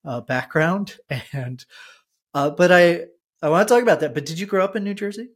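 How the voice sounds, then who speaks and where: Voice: medium pitch, normal speed. A podcast host talking casually, hesitant, with many fillers and restarts. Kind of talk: casual conversation.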